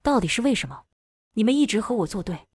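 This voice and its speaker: A cruel, boastful male villain from an action novel, as a woman narrator puts him on, with a voice pushed lower than her own and an odd, changed timbre. He sneers and brags, and the recording is dry and close. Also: very animated, fast talker, a little mellow, breathy edge, no room sound, full character voice. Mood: shocked. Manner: sneering and boastful, later begging. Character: arrogant cruel male villain with mechanical arms.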